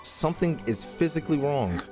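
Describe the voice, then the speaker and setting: A man's voice: fairly high pitch, lively intonation, fairly quick, dark tone, faint music behind. A man streaming games, bantering with viewers in slangy, exclamatory talk and often repeating his phrases. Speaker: live streamer. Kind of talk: casual gaming stream chat.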